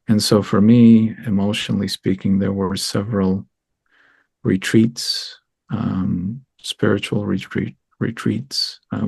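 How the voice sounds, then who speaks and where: A low, gravelly man from Israel speaks as an interview guest, earnest and reflective, with a husky edge and many pauses. The sound is close and dry. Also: darkish tone, no room sound. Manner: earnest, thoughtful, halting with many ums.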